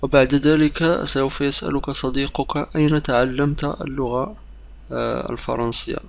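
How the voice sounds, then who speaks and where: Gravelly man teaching a beginner lesson. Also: medium pitch, little pitch movement, fairly bright tone. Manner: repeats example phrases slowly, drill-like; explains briskly, hesitant fillers. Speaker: language teacher.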